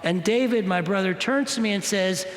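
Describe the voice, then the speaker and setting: A male minister giving a spiritual talk, telling a personal story in an animated way and acting out the voices of the people in it. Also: high voice, moderate pace. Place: church hall. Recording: echoey hall.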